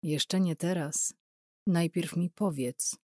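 A woman narrator voicing a male interrogator in a wartime audiobook, speaking in a slow, measured, quietly coaxing way. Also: fairly low pitch, dry recording, clean studio sound. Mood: insistent. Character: male German interrogator, coldly persuasive. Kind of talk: audiobook character reading.

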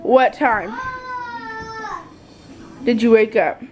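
A young woman talks into her camera for a daily vlog, her voice sitting high. She teases and bickers playfully, keeping it loose and casual. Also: expressive, drawn-out words, background noise. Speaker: vlogger. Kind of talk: casual chat.

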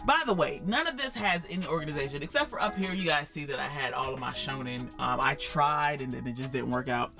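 A man's voice: on the high side, a little fast, creaky, hardly any pauses, music in the background. A man giving a casual tour of his manga collection at home, chatty and self-correcting, laughing at himself and calling his viewers y'all. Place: home room with shelves.

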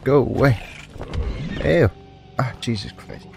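A man's voice: mid-range voice, huge pitch swings, slow, vocal fry, darkish tone. A man giving casual commentary on his own fighting game play, joking, swearing and taunting the characters on screen. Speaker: let's play host. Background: faint game music.

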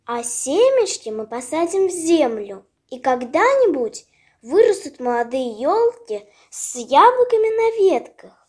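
A woman reading a children's tale aloud, voicing a timid, curious young fox cub in a raised, gentle voice. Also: high voice, sing-song, slow, heavily acted. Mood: wistful. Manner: timid, wondering.

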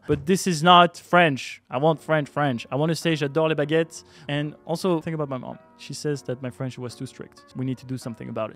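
A man's voice: mid-range voice, a bit bright. A man hosting a tech video, talking casually and teasingly to friends and to camera.

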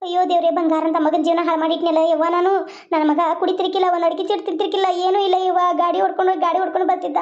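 Woman doing a scolding mother-in-law, taunting, very high voice, quick. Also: level tone, a little mellow, highs cut off. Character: scolding village mother-in-law, sharp-tongued and bitter.

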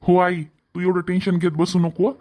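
A mild, placating young husband from a cartoon family drama, acted by a woman. He reassures everyone in a soft tone. His voice sits on the low side. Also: level tone, normal speed, natural voice. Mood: reassuring.

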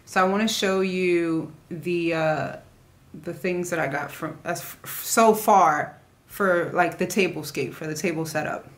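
A young adult woman vlogs a shopping haul from her living room, chatting casually to camera in an informal, rambling way and often trailing off mid-thought. Her voice is fairly low and a little slow, with slight hiss or hum on the recording.

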